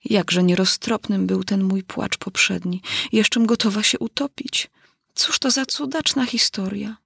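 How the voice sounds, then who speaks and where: Casting: a woman as a fretful little storybook girl, husky voice, sighing and wondering aloud. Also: mid-range voice, steady tone, measured pace, fairly bright tone, no room sound, clean studio sound, full character voice. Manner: wondering aloud, dramatic sighs. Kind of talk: storybook reading.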